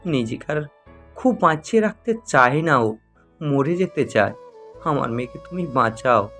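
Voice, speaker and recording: A man's voice: mid-range voice, expressive, moderate pace, fairly bright tone, soft background music. A man voicing an older father who pleads through tears, in an audio story. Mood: tearful pleading. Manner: tearful and begging.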